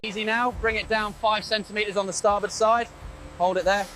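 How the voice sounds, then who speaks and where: A man's voice: high voice, steady tone, a little fast, music in the background. A man giving terse work instructions as an assembly crew member, over a helmet radio.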